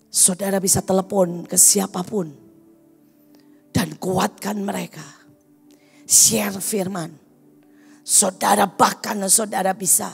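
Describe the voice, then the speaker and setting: A woman pastor with an Indonesian accent preaches fervently, rising to loud cries and dropping to hushed whispers. Her voice rings through a large hall with a long reverb. Faint music plays behind her. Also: mid-range voice, vocal fry, slightly rough. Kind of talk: sermon.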